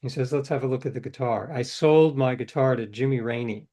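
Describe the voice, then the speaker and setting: A warm-toned, medium-pitched man speaks fairly quickly as a guest author in an interview. The middle-aged writer tells reflective anecdotes, restarting hesitantly now and then.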